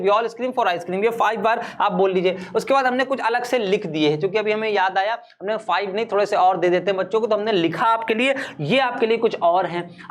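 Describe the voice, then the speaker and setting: A male teacher gives a chatty spoken-English lesson, slowly drilling English phrases. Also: high-pitched.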